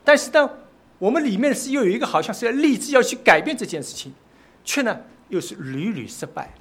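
A man's voice: extremely high pitch, lively intonation, fairly quick, breathy edge. A man preaching a sermon, speaking with frequent filler sounds and rising emphatic peaks. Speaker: pastor.

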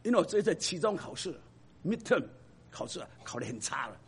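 A man who is a professor, telling stories to an audience in an emphatic, animated way that drops to a hush for the sad parts. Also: fairly high pitch, a little fast, a little hiss or hum. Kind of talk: storytelling talk to an audience.

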